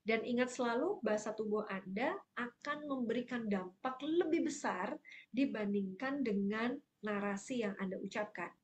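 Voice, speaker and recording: A woman coaching public speaking in an online workshop, answering questions and explaining with lively examples. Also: on the high side, moderate pace.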